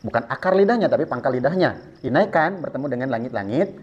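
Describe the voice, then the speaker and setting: This tajwid lesson features a man with an animated, mid-range voice speaking at a quick pace as he patiently explains Quran recitation rules step by step. He models sounds for his students to repeat, and the recording has a dull lo-fi quality.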